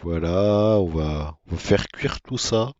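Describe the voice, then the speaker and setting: Man, very low voice, monotone gameplay commentary, dry close sound. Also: takes it slowly, no room sound, lo-fi sound. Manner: monotone, self-mocking asides. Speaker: gaming video creator.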